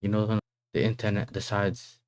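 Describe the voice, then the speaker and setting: A man's voice: fairly low pitch, level tone, normal speed, darkish tone, dry recording, rough recording. A man with an urban London roadman accent, hosting a casual football livestream in slangy talk full of tag questions. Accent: London, urban street style.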